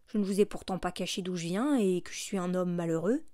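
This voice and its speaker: A woman's voice: on the low side, brisk, dark tone, dry recording, clean studio sound, lightly acted. A woman reading a poor, weary male vagabond who speaks humbly and earnestly in an audiobook. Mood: humble, grateful.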